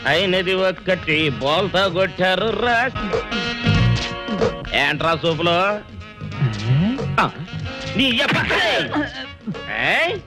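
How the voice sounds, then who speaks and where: Cocky hothead movie tough, highish voice, bouncing all over, cussing and mocking, music in the back. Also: male voice, animated, slow pace, long pauses. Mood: gloating. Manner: scolding, swearing, mocking outbursts. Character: boastful comic local tough man, quick-tempered. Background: film score.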